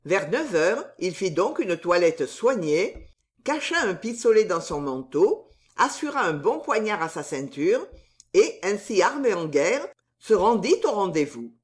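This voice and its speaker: Slow, expressive woman narrator. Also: mid-range voice. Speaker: audiobook narrator. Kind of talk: scripted narration.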